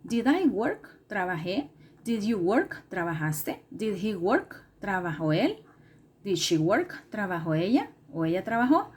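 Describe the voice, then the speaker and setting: A woman's voice: medium pitch, darkish tone, breathy edge. A woman teacher explaining grammar rules step by step, patiently repeating herself and correcting small slips as she goes. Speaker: English teacher. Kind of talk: recorded classroom lesson explanation.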